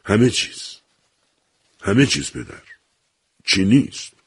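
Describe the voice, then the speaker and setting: A man's voice: medium pitch, creaky, a little hiss or hum, voice pushed up, natural voice. A man voicing a pleading, self-reproaching son. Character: desperate pleading grown son, middle-aged man. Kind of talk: audiobook character reading.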